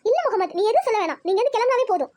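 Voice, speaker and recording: A woman's voice: extremely high pitch, animated, rapid-fire, a little mellow. A woman voicing a young female college student in a Tamil cartoon, pleading and anxious.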